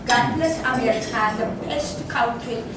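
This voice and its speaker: A woman in her sixties from Ethiopia speaks slowly and earnestly, circling back over her words as she asks her question. She sounds distant from the mic, and the room is very echoey with clear restaurant noise around her. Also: a little high. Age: 60s. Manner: halting, repetitive, earnest phrasing. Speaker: audience member asking a question. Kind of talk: impassioned question from the floor. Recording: roomy, distant, noisy restaurant.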